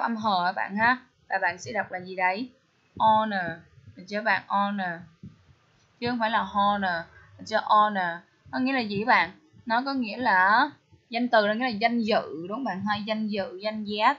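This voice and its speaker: A woman teaching English through a test walkthrough, often asking her listeners questions. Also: on the high side. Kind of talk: TOEIC test walkthrough lesson. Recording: slightly dull lo-fi audio.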